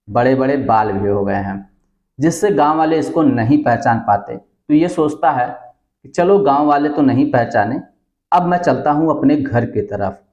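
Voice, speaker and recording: A man's voice: mid-range voice, a little mellow. A man narrating a village story, addressing listeners as friends and lightly voicing the characters' lines. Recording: muffled, echoey room.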